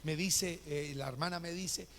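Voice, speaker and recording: A man's voice: on the high side, steady tone, unhurried, vocal fry, a bit bright, long reverb tail, slight background noise. A male pastor preaching a sermon, telling a personal story and acting out the voices of the people in it. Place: church hall.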